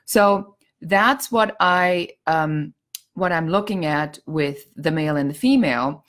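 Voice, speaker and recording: A middle-aged German woman with a German accent speaks slowly in a deep voice with a fairly bright tone. Working as a business coach, she hands out blunt, outspoken advice in a casual conversation laced with dry sarcasm.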